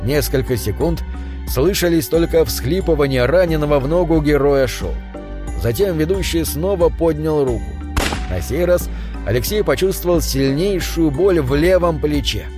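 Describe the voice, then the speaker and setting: A man narrating an audiobook in steady scripted storytelling. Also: fairly high pitch, normal speed, faint music behind.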